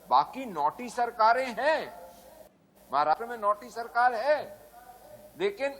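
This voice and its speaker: A man arguing his point as a panelist on a remote link, in a measured, formal way. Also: sits high, a bit bright, rough recording. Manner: measured, formal, deliberate delivery. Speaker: political panelist. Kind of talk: debate argument. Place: remote call-in.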